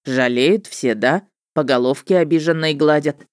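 A woman's voice: low voice, moderate pace, clean tone, dry recording, studio quality, natural voice. A woman voicing a brash, cocky male witcher in an audiobook, talking in a curt, dismissive, matter-of-fact way. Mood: businesslike.

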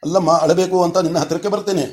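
Little boy, wise, earnest, reasoning, storybook figure, man reader, slightly high voice. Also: steady tone, fast talker, a little mellow, close to an everyday voice.

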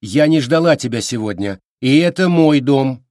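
A man voicing an angry, defiant woman who talks sharply and shouts. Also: mid-range voice, animated, moderate pace, dry recording, clean studio sound, voice pushed up, natural voice. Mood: cold.

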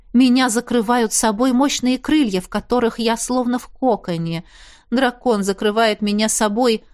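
Woman audiobook narrator, first-person storytelling, intimate emotional delivery, fairly high voice. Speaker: audiobook reader.

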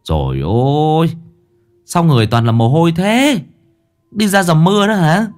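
A man voicing a brash young chess player who teases his friend with rough slang. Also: fairly low pitch, big pitch swings, fairly quick, dark tone. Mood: mocking.

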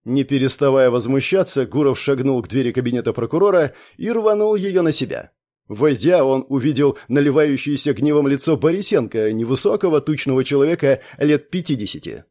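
A man reading a detective novel aloud in measured scripted narration. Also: medium pitch, animated, darkish tone. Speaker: audiobook narrator.

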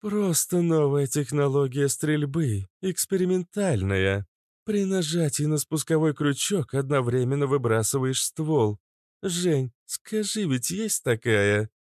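Man putting on a high rough werewolf woman. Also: animated, measured pace, darkish tone, no echo, studio quality. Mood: teasing. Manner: rough, blunt, swears. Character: fierce hot-tempered female werewolf fighter.

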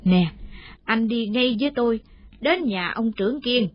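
Woman putting on a husky old village granny, rambly and chatty, kinda muffled lo-fi sound. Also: fairly high pitch, lively intonation. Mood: eager. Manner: rambling, drawn-out storytelling with fillers. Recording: muffled lo-fi audio.

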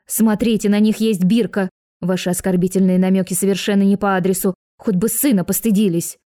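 A woman's voice: mid-range voice, steady tone, moderate pace, mellow, close to an everyday voice. A woman voicing a flustered, kindly grandmother who talks in a fussy, apologetic way. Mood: earnest.

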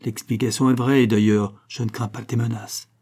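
A man voicing a calm, mocking Spanish nobleman who brushes off threats. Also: mid-range voice, moderate pace, natural voice. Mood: dismissive. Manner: calm, dismissive, amused.

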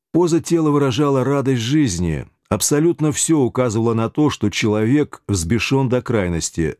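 A man narrating a novel in the first person, wry and measured. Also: medium pitch, a little mellow, no room sound, clean studio sound. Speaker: audiobook narrator.

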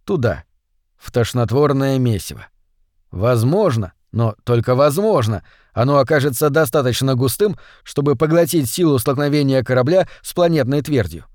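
A man reading a science fiction story aloud as audiobook narrator in a measured, even way. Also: medium pitch, dry recording, clean studio sound. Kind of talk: scripted narration.

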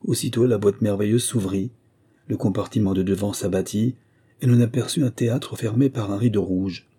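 Male fairy-tale narrator, low, very dark and husky, calm measured delivery. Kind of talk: scripted audiobook narration.

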